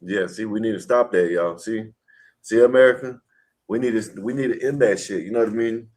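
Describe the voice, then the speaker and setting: A man's voice: fairly low pitch, fairly quick, darkish tone, low-quality recording. A man on a live panel stream, talking bluntly and with a lot of swearing, ranting as he goes. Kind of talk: casual livestream panel chat. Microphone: home mic on a video call.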